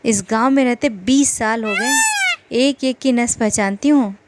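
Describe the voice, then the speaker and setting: A defiant, sharp-tongued village wife hurls scolding words at her in-laws, as a woman narrator voices her. The delivery stays slow and deliberate. A faint hiss sits under the voice. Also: on the high side, lightly acted. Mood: furious.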